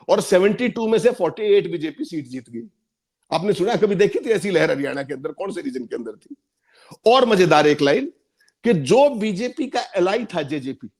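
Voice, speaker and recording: A man's voice: high-pitched, a little mellow. A man giving emphatic political commentary on a panel, repeating points for stress.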